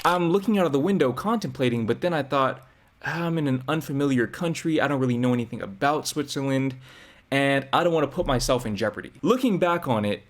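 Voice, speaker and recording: Chatty American man reacting to clips. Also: medium pitch. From United States. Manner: chatty, reflective, drawn-out emphasis. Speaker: reaction video host. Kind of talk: casual commentary.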